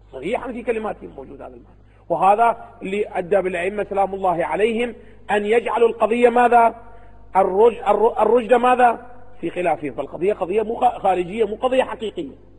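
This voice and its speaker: In a low-quality recording with a long reverb tail, a religious scholar with an Iraqi Arabic accent lectures seminary students. His high-pitched voice is a little mellow and husky, and he keeps asking rhetorical questions and answering them himself.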